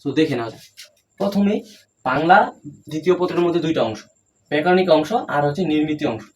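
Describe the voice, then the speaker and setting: A young man coaching students for an exam, talking fast and often checking in with them as he explains the paper section by section. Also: on the high side, lively intonation, low-quality recording. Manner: rapid, coaching, repeats "ঠিক আছে?" to check in. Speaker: exam tutor. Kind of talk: exam-prep lesson.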